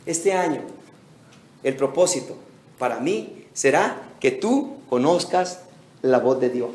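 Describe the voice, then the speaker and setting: A male pastor preaching a sermon with animated delivery, acting out short phone conversations and repeating words as he restarts phrases. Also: medium pitch, slow pace. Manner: animated preaching that acts out little phone dialogues. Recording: echoey hall with faint background noise.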